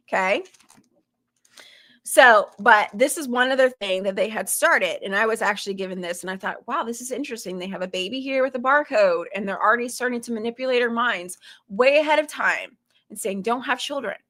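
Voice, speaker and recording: A woman's voice: on the high side, a bit bright. Woman musing with suspicion, "okay?" after each point. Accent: slight Southern US. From Florida, US. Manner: conspiratorial, rhetorical, keeps adding "okay?". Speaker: host. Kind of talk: casual commentary to viewers.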